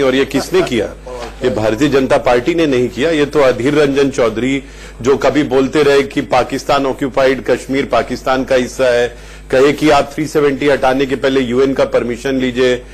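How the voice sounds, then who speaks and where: A man arguing as a party spokesperson in a heated television debate, speaking over his opponents. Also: mid-range voice.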